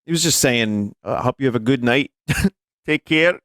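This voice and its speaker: Hosting a listening session on his livestream, a man reacts with dry humor to radio recordings while music runs behind him, chatting casually with viewers. The recording is dry, and his medium-pitched, fairly bright voice keeps a moderate pace.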